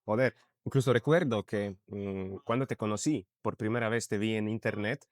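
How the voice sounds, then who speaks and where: A man's voice: on the low side, steady tone, moderate pace, darkish tone. Hesitant Polish man hosting in Spanish. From Poland. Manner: hesitant, searching for words. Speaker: host. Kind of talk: casual conversation.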